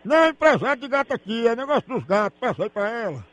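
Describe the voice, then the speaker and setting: A man pushes hard through a comedic prank call. His voice sits very high and bounces around animatedly. The recording is dry and close. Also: very animated, fast, no echo. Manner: insistent, pushy salesman act. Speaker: prank caller.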